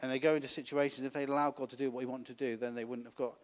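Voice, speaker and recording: A man's voice: medium pitch, level tone, racing. Chatty man preaching a sermon. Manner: conversational, laughs often, asks the congregation questions.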